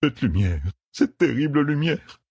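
A man voicing a blinded, maddened old lord who rants in a shrill voice climbing ever higher, husky and close in an audiobook. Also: big pitch swings, takes it slowly, no echo, exaggerated voice. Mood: raving.

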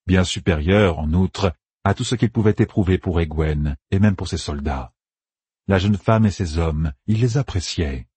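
A man narrating a fantasy audiobook in a measured, even storytelling manner. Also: deep voice, husky, dry recording.

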